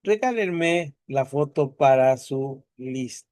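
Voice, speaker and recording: A man's voice: medium pitch, lively intonation, takes it slowly, a little mellow, no room sound, clean studio sound. Chatty man teaching a class. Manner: conversational, asks the class rhetorical questions.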